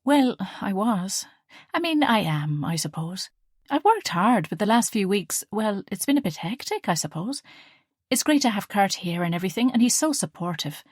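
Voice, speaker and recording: A woman reading the part of a young female student and caring older sister in an audiobook, earnest and expressive. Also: mid-range voice, moderate pace, no room sound, clean studio sound, voice pushed up. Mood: weary.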